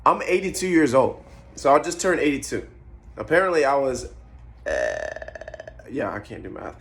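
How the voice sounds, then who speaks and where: Young guy in his 20s vlogging, rambly, swears a lot, just thinking out loud. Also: fairly high pitch, expressive, normal speed. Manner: rambling, profane, musing aloud; eating while talking. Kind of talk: casual monologue to camera.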